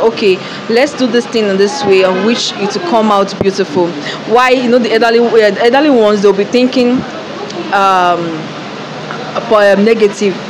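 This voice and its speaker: A young woman with a Nigerian accent answering a street interview in a phone shop, often saying "you know". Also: medium pitch. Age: young adult. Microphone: phone held close by interviewer. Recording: background noise.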